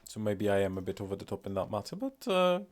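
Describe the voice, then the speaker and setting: A native Polish speaker from Poland, this man talks with a Polish accent in a lowish, sing-song voice at a fast clip while faint music plays behind him. His casual live-stream commentary rambles, full of fillers and self-deprecating remarks.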